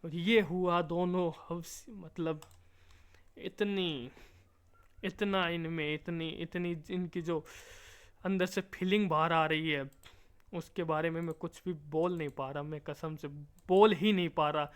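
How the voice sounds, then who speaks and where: High bright voiced guy doing goofy gameplay commentary, sing-song chanting, playful scolding, clean smooth voice. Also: slow pace. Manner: silly rhyming chants and playful scolding of the game; excitable, stretches words into repeated chants.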